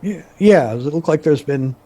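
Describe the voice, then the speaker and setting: A man playing a tabletop game, chatting casually in a halting, offhand way. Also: fairly high pitch, lively intonation, dark tone.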